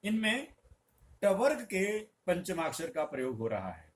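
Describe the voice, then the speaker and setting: A middle-aged man teaching a lesson, patiently explaining and slowly drawing out example sounds for emphasis. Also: high-pitched, wildly swooping pitch. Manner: patient, instructive. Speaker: Hindi teacher.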